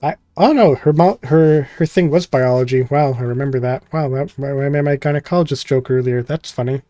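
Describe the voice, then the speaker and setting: Playing a visual novel as host, a man reads the game's text aloud and skims through it with fillers, mixing in casual, rambling jokes. He speaks at a moderate pace with hardly any pauses, in a mellow, medium-pitched voice with no room sound.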